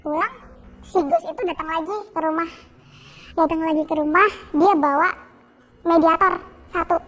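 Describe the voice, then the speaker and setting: A young woman guest telling her own story in a halting, repetitive way with many fillers. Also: extremely high pitch, a bit bright. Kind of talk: personal testimony.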